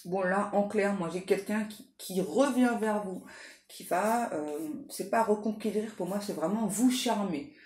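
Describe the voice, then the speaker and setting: Chatty woman reading tarot, mellow tone. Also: mid-range voice, unhurried, echoey room. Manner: chatty, many fillers and restarts. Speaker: tarot card reader. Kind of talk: casual tarot reading to camera.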